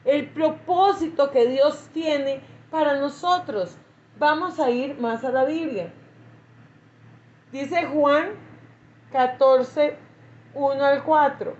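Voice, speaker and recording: A woman pastor teaching a Bible class, reading scripture slowly and repeating phrases for emphasis. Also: high-pitched, a little mellow. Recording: echoey, muffled lo-fi recording.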